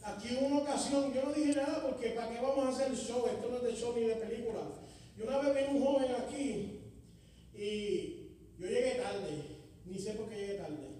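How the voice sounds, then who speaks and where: A man preaching a sermon testimony in a church, swinging from loud exhortation to hushed storytelling. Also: very high voice, fairly quick, slight background noise. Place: church sanctuary. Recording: echoey hall, distant mic.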